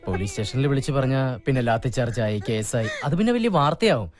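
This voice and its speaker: Smug young manager, male actor, lively and self-important. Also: medium pitch, fast talker, faint music behind, close to an everyday voice. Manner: smooth, self-important, polite to bosses. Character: smug new general manager, young man.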